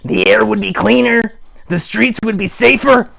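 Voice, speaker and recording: A puppeteer host voices an excitable puppet in a live improvised show, the earnest character a champion of dogs giving emphatic, exclamatory mock-campaign speeches. His delivery is raspy, high-pitched, at normal speed and heavily acted, full of excitement and earnestness.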